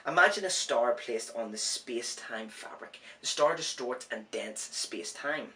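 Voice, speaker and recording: A man's voice: mid-range voice, expressive, moderate pace, bright, forceful tone, recorded from a distance. A man who says w for r, hosting an informal science explainer with self-mocking, rambling asides. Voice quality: cannot say R clearly, says w for r. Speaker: host of an educational science series. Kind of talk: informal science explainer, part scripted, part ad-libbed.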